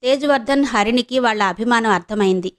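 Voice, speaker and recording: A woman reading a novel aloud as an audiobook narrator, in a steady storytelling manner. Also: on the high side, brisk.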